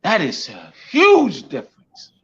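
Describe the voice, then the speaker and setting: A man's voice: high voice, huge pitch swings, takes it slowly, fairly bright tone. A man speaking as a guest speaker in a teaching talk, emphatic and repetitive, with many "you know"s. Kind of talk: teaching talk on an online show. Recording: dull lo-fi audio.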